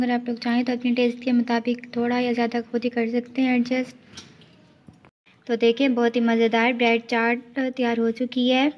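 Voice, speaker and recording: A woman hosting her home cooking channel, explaining each step in a steady voice-over. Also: a little high. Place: home kitchen.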